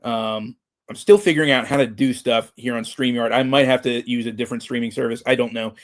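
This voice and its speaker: A man hosting a livestream, chatting informally to viewers in a halting, rambling way. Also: medium pitch, steady tone. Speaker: livestream host. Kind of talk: casual chat to a livestream audience.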